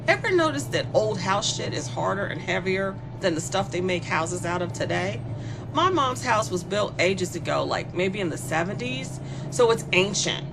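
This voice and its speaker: A woman voices a bored, spoiled young female murderer for a horror audio piece, sounding flippant as she taunts and lingers over gleeful, stretched-out musings. The delivery is very animated at a medium pitch, with noise in the background.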